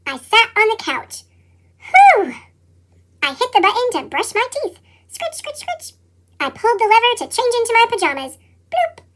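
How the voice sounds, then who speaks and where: A storybook reading told by a cheerful couch potato, with a sped-up, high-pitched chipmunk voice effect and a bouncy, expressive delivery full of playful sound effects. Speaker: storybook narrator. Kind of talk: read-aloud picture book narration.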